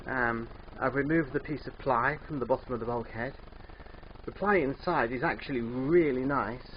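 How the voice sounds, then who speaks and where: An older man with a thick, sore, swollen-sounding throat, narrating a casual DIY vlog in a hesitant, unhurried way. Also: mid-range voice. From England. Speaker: DIY van converter presenting. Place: in and around a van. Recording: dull muffled sound, background vehicle noise.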